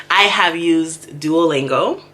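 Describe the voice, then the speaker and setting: A woman's voice: deep voice, lively intonation, drawn-out words, pushed and bright, a little hiss or hum. A young woman hosting her podcast in a chatty, self-deprecating way. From The Bahamas. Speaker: podcast host. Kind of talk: casual solo podcast chat.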